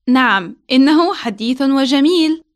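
A woman's voice: high-pitched, expressive, rapid-fire. A woman whose native language is Arabic, co-hosting a language lesson. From Syria. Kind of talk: scripted language lesson dialogue and chat.

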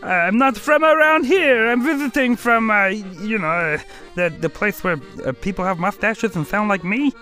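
A woman's voice: medium pitch, normal speed, sharp tone, faint music behind, lightly acted. A woman voicing a jittery male forest critter who stammers nervously and puts on a clumsy fake French accent. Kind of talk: cartoon voice acting.

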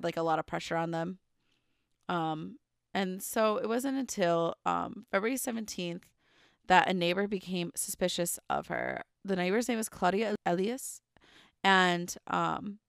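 Low-leaning, gravelly yet smooth, this young podcast co-host's voice carries a relaxed true crime tale stuffed with "like" and "um" fillers. The studio sound is clean with no room sound.

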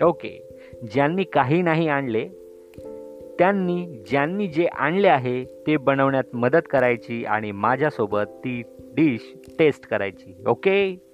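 A man's voice: medium pitch, expressive, slow pace. A man voicing a showy, flirty male cooking teacher in a storybook reading, sprinkling in English phrases, on a dull lo-fi recording with faint music.

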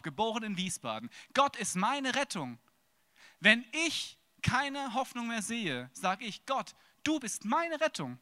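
A man preaching a sermon on stage, with a lively, dramatic delivery that swings from loud to hushed and acts out casual dialogues. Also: high-pitched. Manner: plays out casual dialogues with God.

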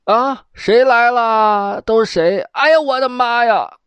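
A man's voice: on the high side, unhurried, gravelly, no room sound. A man storyteller voicing a flustered, humble old male scholar who mutters and startles easily. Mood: startled.

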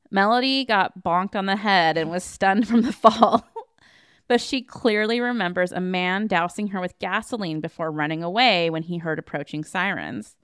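Smooth-voiced woman recapping a movie. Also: medium pitch, fairly bright tone, dry recording, clean studio sound. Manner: wry, sarcastic asides between plot summary. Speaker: podcast co-host. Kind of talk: casual movie recap chat.

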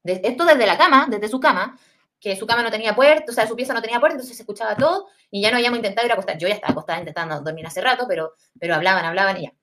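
A young woman with a Chilean Spanish accent, telling a story in a casual, animated way, with lots of slang and swearing. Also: mid-range voice, rapid-fire.

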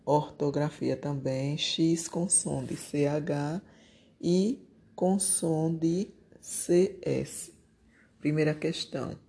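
Schoolteacher correcting answers aloud, gravelly voice, unhurried and methodical. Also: medium pitch, dark tone. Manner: slow, deliberate, repeats each answer word. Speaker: primary school teacher. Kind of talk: correcting workbook exercises aloud.

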